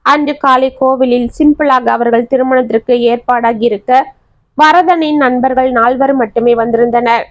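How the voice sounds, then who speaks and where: A woman narrates a family tale in a steady, even manner with a high voice. The recording is dry and close, with a slightly dull, muffled top end. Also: normal speed, no room sound. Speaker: storyteller. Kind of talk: scripted story narration.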